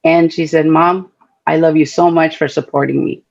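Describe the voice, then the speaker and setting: Gravelly middle-aged woman from Guatemala. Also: deep voice, fairly even intonation, moderate pace, lo-fi sound. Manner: earnest, heartfelt, conversational, with frequent fillers. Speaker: panelist at a live talk event. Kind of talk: personal storytelling talk.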